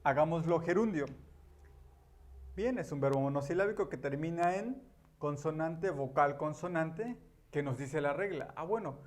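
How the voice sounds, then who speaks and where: A man teaching a grammar lesson at a board, patient and repetitive, with frequent affirming fillers. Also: a little high. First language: Spanish. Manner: patient, repeats key words, many "ujú" and "ajá" fillers. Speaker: English teacher.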